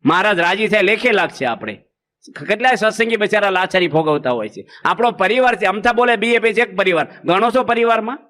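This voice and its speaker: Man, humorous sermon, folksy, high-pitched voice. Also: lively intonation, a little fast, pushed and bright. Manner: folksy, acts out village anecdotes with quoted voices. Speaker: Swaminarayan monk preacher.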